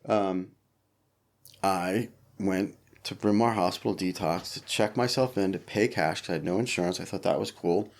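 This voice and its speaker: A man's voice: sits low, moderate pace. A middle-aged man, a podcast guest, telling stories in casual interview talk, acting out quotes with frequent swearing. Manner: animated storyteller, acts out quotes, frequent swearing.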